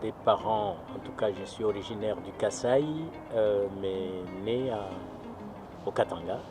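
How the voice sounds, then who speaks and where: A man's voice: on the low side, fairly even intonation, a little slow, music in the background. A man from Congo giving a documentary interview, grave and emphatic, repeating phrases for effect. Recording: clear street noise behind.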